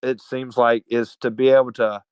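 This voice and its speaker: A man from Alabama with a Southern US accent, telling stories as a podcast guest in an animated, slangy, profane way. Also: medium pitch, moderate pace, clean tone, dry recording. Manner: animated, slangy and profane, calls everyone dude. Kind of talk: casual storytelling chat.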